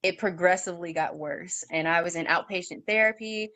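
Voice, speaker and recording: A young woman in her twenties telling her story in an interview, halting, with fillers and restarts, and acting out what others said in a raised voice. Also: on the low side, fairly bright tone, dry recording. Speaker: guest sharing her story.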